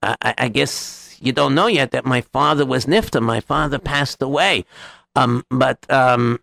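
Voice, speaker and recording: A man's voice: mid-range voice, unhurried, gravelly, fairly bright tone. A man voicing a kind, trusting young man who stammers and hesitates as he talks. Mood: flustered.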